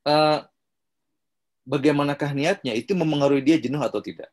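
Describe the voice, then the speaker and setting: A man speaking as a guest in a casual podcast chat, explaining his views in a measured way. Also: a little high, steady tone, a little mellow.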